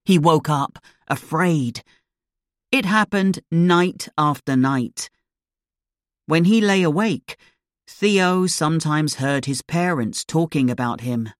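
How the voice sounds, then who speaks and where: Slow, deliberate storybook narrator. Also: mid-range voice, animated, no echo, studio quality. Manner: slow, clear, deliberate reading.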